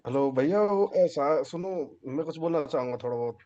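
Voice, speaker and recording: A man with a fairly high voice joins a meeting over a video call. He talks in a halting, rambling way and keeps restarting, and the call audio comes through dull and lo-fi. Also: lively intonation, warm tone. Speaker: team member on a call. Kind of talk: unscripted remarks in a meeting.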